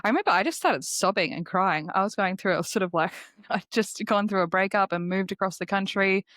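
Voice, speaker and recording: A woman's voice: mid-range voice, fairly quick, a bit bright, dry recording, clean studio sound. A woman hosting a podcast and speaking to a guest and audience. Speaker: podcast host. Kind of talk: podcast hosting, introduction and casual chat.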